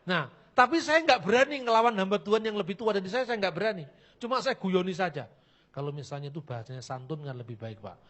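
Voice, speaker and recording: A man gives a lively religious lecture in a fairly high voice. He is blunt and mocking, and acts out the people in his anecdotes as he tells them. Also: quick pace. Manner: blunt, mocking and joking, acting out quoted people.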